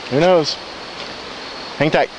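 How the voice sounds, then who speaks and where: Man vlogging casually over outdoor stream noise. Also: mid-range voice. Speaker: hiking vlogger. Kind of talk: casual, unscripted trail narration. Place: outdoors on a rocky riverside woodland trail. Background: stream and natural ambience.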